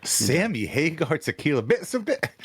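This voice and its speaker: Male co-host, animated pitch, dead-dry recording, chatty explainer. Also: normal speed, husky, dry recording. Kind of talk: casual live-stream chat.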